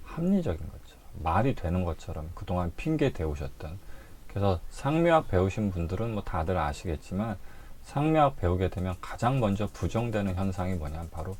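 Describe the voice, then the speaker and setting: A man's voice: sits low, animated, moderate pace, darkish tone, breathy edge. A man giving a spoken lecture, telling the story with animation and acting out the scenes.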